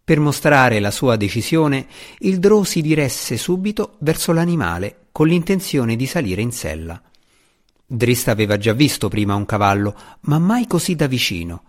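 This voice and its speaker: A man reads a fantasy novel aloud as its narrator, his voice set at a middling pitch. He tells the story dramatically, his pitch rising and falling in lively swoops. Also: moderate pace. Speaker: audiobook narrator. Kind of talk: scripted audiobook narration.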